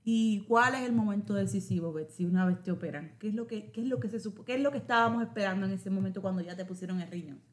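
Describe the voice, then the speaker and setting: A woman telling a heartfelt, devout story as a podcast guest, lively and emotional. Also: mid-range voice, quick pace, few pauses. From Puerto Rico. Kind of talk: casual heartfelt testimony.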